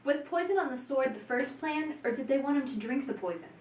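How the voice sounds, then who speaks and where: A composed female talk show host asking formal questions, as a woman plays her. Her voice is slightly high. The room is echoey, with soft music underneath. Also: animated, brisk. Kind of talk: mock talk show interview.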